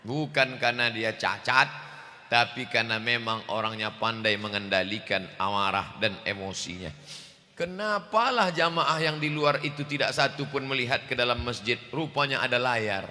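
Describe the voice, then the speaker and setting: A man preaching a humorous sermon in a loud, booming voice into a handheld microphone in a large mosque. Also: moderate pace. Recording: echoey hall reverb.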